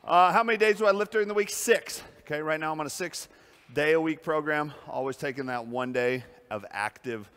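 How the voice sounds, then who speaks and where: Male personal trainer, slightly high, upbeat and winded while lifting, gym echo. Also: moderate pace, a bit bright. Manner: upbeat, pumped-up coaching with breathy exhales. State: out of breath. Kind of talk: workout coaching while lifting.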